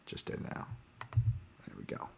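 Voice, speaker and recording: Speaking unhurriedly over a faint hiss or hum, a Hawaiian-accented fight analyst runs his own laid-back podcast. He rambles, restarts often, and swears casually.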